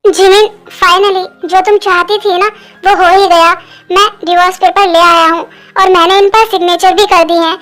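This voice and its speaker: A woman voicing a hurt young husband in a Hindi fan dub, talking slowly and flatly. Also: very high-pitched, soft background music. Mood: cold resigned.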